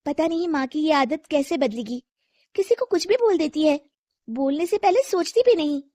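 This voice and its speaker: Brief: young schoolgirl daughter, played by a woman, high, whiny and insistent, dry close sound. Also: lively intonation, normal speed, warm tone, no room sound. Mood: worried.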